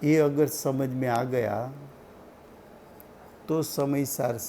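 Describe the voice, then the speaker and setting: A man giving a slow, deliberate religious study lecture, repeating key points for his listeners. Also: mid-range voice, steady tone, mellow, a little hiss or hum. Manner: slow, deliberate teaching with repetition. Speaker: scripture teacher.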